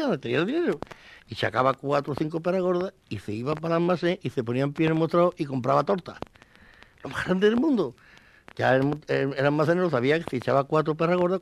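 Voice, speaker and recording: Gravelly man telling a tale. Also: fairly high pitch, slight background noise. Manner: lively, colloquial, with dropped syllables and exclamations. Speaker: storyteller. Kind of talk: casual anecdote telling.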